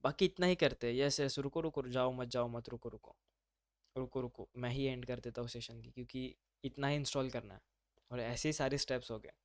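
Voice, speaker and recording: A man runs a live online class, loose and informal, calling his students brother as he talks them through each step. His voice sits at a middle pitch with a dry, close sound from a computer mic. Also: fairly even intonation, a little fast, dry recording. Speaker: instructor.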